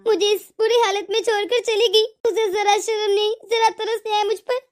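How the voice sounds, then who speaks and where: A woman's voice: very high-pitched, level tone, fairly quick. A woman voicing an injured, self-pitying old mother-in-law in a cartoon, tearful and remorseful. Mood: weeping. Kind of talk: cartoon voice acting.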